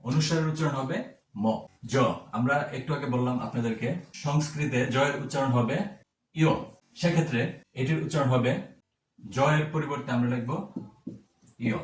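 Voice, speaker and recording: A man giving a slow, careful pronunciation lesson, spelling words out sound by sound. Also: medium pitch, steady tone, echoey room, recorded from a distance, slight background noise. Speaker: teacher.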